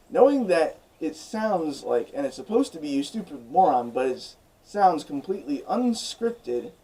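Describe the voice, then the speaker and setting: A man recounting a story for his vlog with lively, swooping intonation and a chatty, animated delivery. His voice sits somewhat high but has a mellow, dark tone. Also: low-quality recording. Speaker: vlogger.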